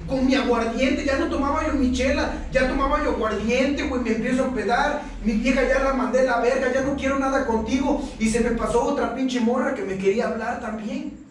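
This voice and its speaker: A young Mexican man giving a raw, slangy, profane and emotional personal testimony at a recovery meeting. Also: very high-pitched. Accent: Mexican Spanish. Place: meeting hall. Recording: echoey room, distant mic.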